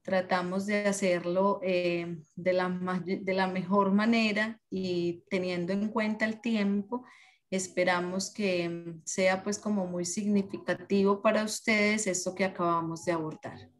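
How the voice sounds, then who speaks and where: Woman, mid-pitched voice, polite, hesitant with fillers, workshop co-host on a video call. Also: steady tone, unhurried. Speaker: co-presenter of parent workshop. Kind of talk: online workshop moderation.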